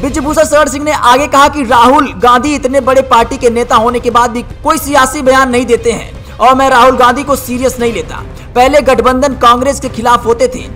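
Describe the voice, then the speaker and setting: A woman's voice: fairly high pitch, fairly bright tone. A woman narrating a scripted news report as a voice-over, with an emphatic, dramatic headline delivery.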